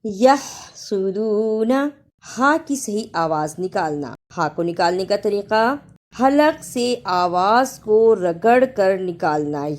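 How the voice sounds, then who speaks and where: A woman teaching Quran recitation. She chants verses slowly and melodically, then explains the pronunciation quickly, letter by letter. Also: mid-range voice, lively intonation. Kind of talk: tajweed lesson, chanted recitation with spoken explanation.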